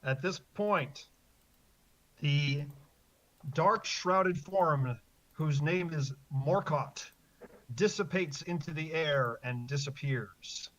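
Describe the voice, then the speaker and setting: A man's voice: fairly high pitch, slow, fairly bright tone. A man running a tabletop fantasy game as game master, narrating and talking with players. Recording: slightly muffled, lo-fi.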